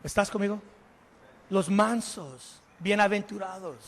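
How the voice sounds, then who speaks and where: High-voiced pastor in reverberant hall. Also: male voice, unhurried. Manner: animated preaching, questions to the congregation; slips English words into Spanish. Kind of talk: sermon.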